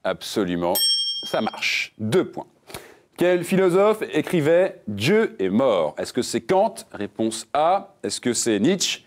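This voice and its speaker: A man's voice: medium pitch, very animated, a little hiss or hum. A man hosting a religious quiz game show, reading questions and answer options with playful puns. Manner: playful, jokey, reads options briskly.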